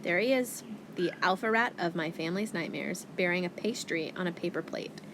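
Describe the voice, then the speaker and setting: A woman reading a first-person audiobook in a wry, expressive teenage-girl voice. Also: lowish voice, fairly quick, background noise. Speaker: audiobook narrator.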